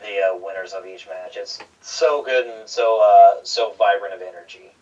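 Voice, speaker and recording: A man co-hosting casual wrestling talk, halting and repeating his words as he goes. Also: on the low side, darkish tone. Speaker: wrestling show co-host. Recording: dull lo-fi sound, distant from mic.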